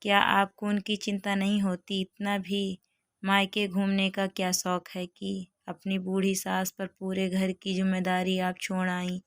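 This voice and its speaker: Storybook role: a taunting young sister-in-law, read by a woman, flat and slow, dry sound. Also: mid-range voice, no room sound, lightly acted. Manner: sarcastic, taunting. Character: sharp-tongued young sister-in-law, mocking.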